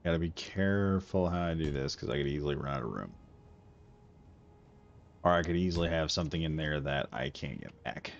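A man with a gravelly bass voice gives brisk, expressive gameplay commentary while streaming a building game, casually rambling and walking himself through each step. The audio is slightly dull, with faint music and a little hiss or hum.

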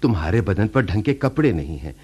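An actor in a radio play voicing an earnest, caring reformed village laborer. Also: male voice, fairly low pitch, very animated, a little fast, a little mellow, slightly rough. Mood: tender. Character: kind reformed village laborer Sappu, man. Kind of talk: radio drama acting.

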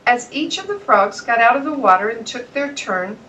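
A woman reading a children's storybook aloud in a plain, steady way. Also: on the high side, moderate pace, far from the mic, muffled recording. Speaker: narrator.

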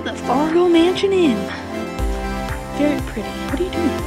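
Excitable young woman vlogging in a car. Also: extremely high pitch, normal speed, over loud music. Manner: excitable, laughing, bursts into shouted exclamations. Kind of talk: casual travel vlog chat. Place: inside a moving car.

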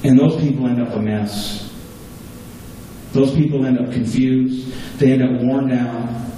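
A pastor preaches a sermon in a small church, earnest and repeating key phrases for emphasis, his medium-pitched voice dark in tone, steady, and measured in pace. A distant camera at the back of the room captures him, with echo and a faint hum.

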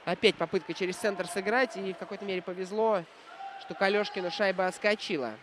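A man commentating live on ice hockey, reflective and analytical, often pausing mid-sentence to find his words. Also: sits high, steady tone, background noise.

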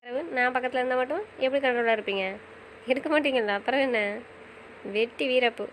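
A woman's voice: high-pitched, fast, slight background noise, poor audio. A young woman in affectionate, teasing banter with her husband, pleading and playful by turns. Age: young adult. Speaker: wife in a couple's chat. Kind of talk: casual couple banter.

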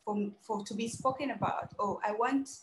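A woman's voice: medium pitch, normal speed, echoey room, a little hiss or hum, rough recording. Earnest young woman on a video call. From South Sudan. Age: young adult. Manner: earnest and urgent, repeats phrases for emphasis. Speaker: conference speaker. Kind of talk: impassioned conference talk. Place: dim indoor room. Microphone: webcam on a video call.

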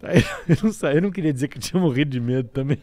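A middle-aged man from Brazil, a guest telling a story in a casual interview, lively, with stammered restarts and bursts of laughter. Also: on the high side, very fast, no room sound. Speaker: guest, breathwork teacher.

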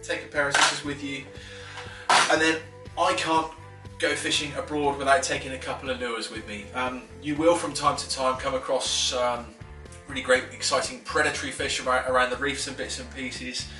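Here a fishing instructor chats enthusiastically through his tackle at a wooden table at home, addressing a camera a few feet away, with filler words and quick restarts. He has a mid-range voice and keeps a level tone. Faint music plays and the sound is roomy and slightly distant.

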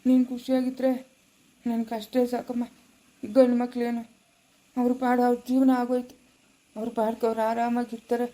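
A woman playing a loving, worried elderly father who soothes his daughter gently and repeats himself in a family skit. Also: on the high side, completely flat delivery, normal speed, pauses often, close to an everyday voice. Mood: tender. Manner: gentle, soothing, repetitive pleading.

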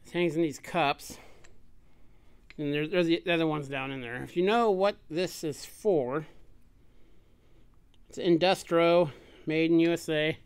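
Man, slightly high voice, relaxed plainspoken show-and-tell of a tool haul, filmed on a phone over a workshop bench. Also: a little slow, pauses often, clean tone. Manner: relaxed, plainspoken, trails off quietly. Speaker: shop owner showing a tool haul. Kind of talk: casual show-and-tell narration.

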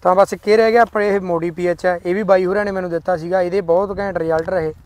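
Punjabi male farmer guest, high and quick, earnest explainer. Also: steady tone. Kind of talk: explaining farm products.

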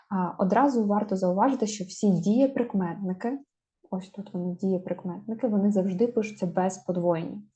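A woman giving a spelling lesson, slowly drawing out each example word to stress it. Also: medium pitch, warm tone. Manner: slow, drawn-out stressing of example words. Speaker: teacher. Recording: dull lo-fi sound.

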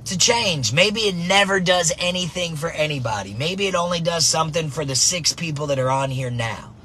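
A man coaching softball who talks in an energetic motivational monologue, tagging his points with "right?" and "man", recorded in a car. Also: fairly high pitch, moderate pace, slight background noise.

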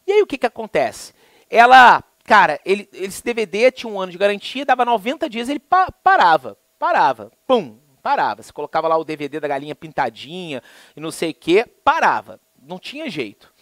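A man with a Brazilian Portuguese accent teaching a law lesson in a lively, colloquial way, full of anecdotes and acted-out dialogue. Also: brisk, no room sound. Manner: lively, colloquial, acts out dialogue with swings in pitch. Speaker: law lecturer.

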